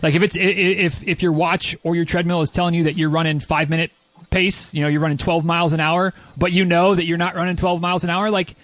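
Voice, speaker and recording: Brief: American male podcast host, slightly high voice, very quick, rambling casual delivery. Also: little pitch movement, fairly bright tone, dry recording. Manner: rambling, jokey, repeats himself.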